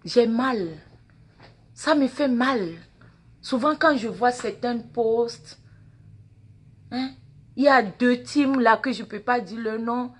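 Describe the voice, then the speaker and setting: In a spacious indoor waiting room, a woman in her forties records herself live at arm's length, passionately lecturing her followers and repeating words and questions. This Mina-accented social media personality, a native Mina speaker, has a fairly high, breathy voice and speaks slowly with many pauses.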